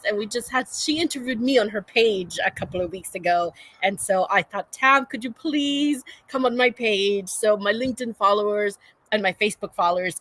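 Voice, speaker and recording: A woman's voice: medium pitch, fairly bright tone, poor audio. A woman hosts a live-streamed interview show, upbeat and chatty, with fillers and restarts. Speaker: host.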